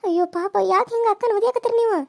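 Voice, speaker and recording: A woman voicing an anxious young village woman in a cartoon serial, with a North Karnataka accent, pleading in rapid questions. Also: very high-pitched, a little mellow. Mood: alarmed. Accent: North Karnataka Kannada.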